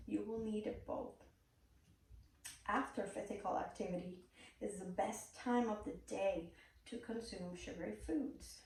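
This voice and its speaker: A native Spanish speaker from Puerto Rico, a woman with a Puerto Rican Spanish accent, delivers a prepared persuasive speech earnestly and directly, with an occasional "um." Her mid-range voice has a dark tone. The room is very echoey, the mic is far off, and there's a little hiss or hum.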